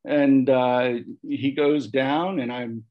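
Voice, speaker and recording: A man's voice: medium pitch, takes it slowly. Reflective man telling a personal story. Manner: reflective, quotes others with lively voice changes. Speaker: panel guest sharing memories. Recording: muffled lo-fi audio.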